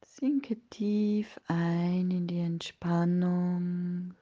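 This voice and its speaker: A woman leading a guided meditation in a soft, breathy, partly whispered voice, soothing and hushed, with long pauses between phrases. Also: on the low side, fairly even intonation, lo-fi sound.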